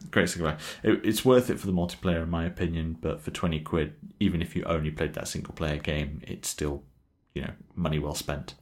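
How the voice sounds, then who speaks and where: A man's voice: low-pitched, steady tone, a little fast, few pauses. A man co-hosting a casual gaming podcast, enthusiastic, laughing often and swearing casually. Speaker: podcast co-host.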